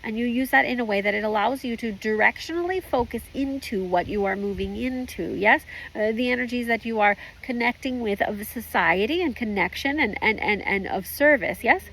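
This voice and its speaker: Woman channeling a calm spirit guide, seance medium delivery, creaky voice, stilted formal phrasing, instructive. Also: fairly high pitch, moderate pace, hardly any pauses, a little hiss or hum, low-quality recording. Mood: assured, guiding. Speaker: trance channeler at a group session. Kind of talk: trance channeling, spiritual guidance.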